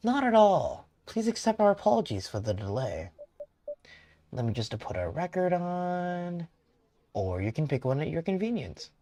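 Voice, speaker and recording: A man doing a gentle older café owner. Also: on the high side, very animated, moderate pace, voice pushed up. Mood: polite. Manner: polite, courtly welcoming.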